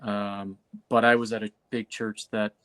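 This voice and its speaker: A man's voice: lowish voice, flat delivery, a little slow, a bit bright, clear, resonant tone. A man speaking as a host and pastor in a casual chat, loosely and often correcting himself.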